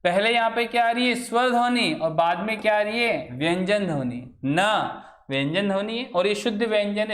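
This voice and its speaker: A man's voice: sits high, a bit bright. A man teaching a grammar lesson to a class. He keeps asking questions and then answering them himself. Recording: echoey room.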